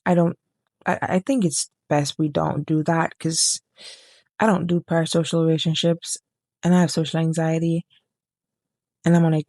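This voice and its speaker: A woman with a low, gravelly voice talks casually to camera about books. She rambles and drifts off topic, often stopping to correct herself. The sound is dry and close, with no room around it. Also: fairly even intonation, moderate pace, long pauses, mellow, no room sound. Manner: rambling, sidetracked, self-correcting. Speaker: book reviewer.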